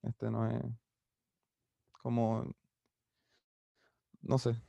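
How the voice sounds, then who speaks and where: A young man of twenty with a Puerto Rican Spanish accent, a musician answering interview questions in a relaxed, rambling way with many fillers. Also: mid-range voice, drawn-out words, vocal fry, dry recording, highs cut off. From Puerto Rico. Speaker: musician guest. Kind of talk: casual interview, mixing Spanish and English.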